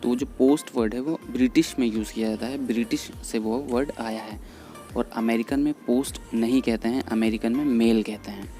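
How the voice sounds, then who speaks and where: A man explaining English vocabulary in Hindi, patiently repeating each word slowly. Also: mid-range voice, steady tone, warm tone. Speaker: English teacher. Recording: faint background music under voice. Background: faint background music.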